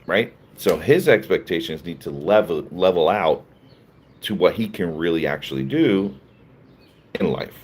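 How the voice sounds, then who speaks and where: A man's voice: low voice, slight background noise. A sleepy man hosting a live stream, reading chat and riffing casually, laughing often between jokes. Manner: laughs often, loose and joking, answers chat. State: sleepy, yawning. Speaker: livestream host reading chat.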